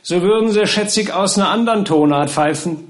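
A man's voice: high-pitched, fairly quick, voice pushed up, natural voice. A man voicing a cheeky young male servant, breezy and teasing, with folksy dialect slips in his speech.

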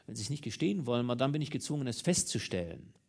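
A man's voice: medium pitch, sing-song, very fast, creaky, a little mellow. A man reading an audiobook, voicing a formal and insistent male police commissioner who questions people. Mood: stern questioning. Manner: formal, commanding.

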